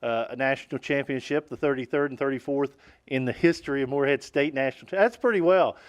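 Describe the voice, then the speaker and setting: A man's voice: mid-range voice, quick pace, smooth, dry recording. A radio host chatting casually and ribbing his guest, laughing easily, in a studio.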